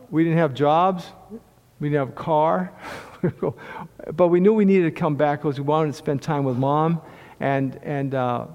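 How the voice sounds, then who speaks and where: A man's voice: on the high side, a little mellow. Man preaching in a reverberant hall. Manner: conversational storytelling with repeated restarts. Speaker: lay preacher sharing testimony. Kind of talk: sermon testimony.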